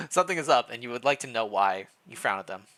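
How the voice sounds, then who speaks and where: Medium in pitch, the voice belongs to a streamer reading fan fiction on a relaxed stream, reacting aloud with a playful streak and sometimes stumbling through lines.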